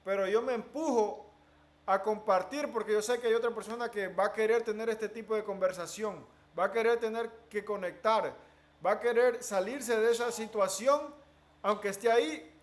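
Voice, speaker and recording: A man with a noticeably high voice who talks in an animated, storytelling way during a casual conversation. He drops English words into his speech. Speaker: interviewee.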